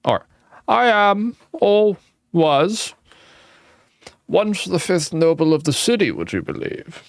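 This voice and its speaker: A dusty old spirit of a fallen lord speaks in a thin, high, quavering voice that swoops up and down, as a man puts him on. He talks slowly and solemnly, with a gravelly edge, in a dry, close game reading. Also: sing-song, no echo, exaggerated voice. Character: ancient frail male ghost noble, solemn.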